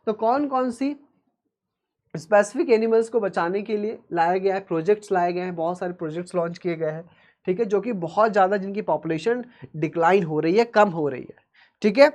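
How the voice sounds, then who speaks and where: A male teacher giving a classroom-style video lesson, calling his students "beta" and adding "theek hai" after nearly every point, often slowing down for English phrases. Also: high-pitched, a little mellow. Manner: mixes Hindi with slow, careful English phrases.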